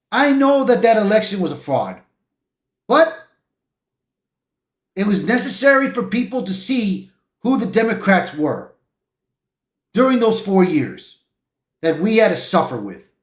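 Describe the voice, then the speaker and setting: The sound is roomy, and the man's voice sits high as he hosts a livestream, reading articles aloud. His commentary is casual and opinionated with occasional slips over words, all delivered informally with "bro," "man," and "dude" sprinkled throughout.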